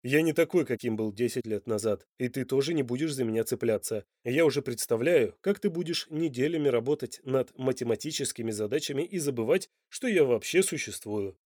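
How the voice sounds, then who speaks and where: A man's voice: mid-range voice, lively intonation, brisk, few pauses, darkish tone, dry recording, clean studio sound, lightly acted. A man playing a blunt, passionate, demanding Italian lover in an audiobook. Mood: insistent. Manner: blunt and insistent.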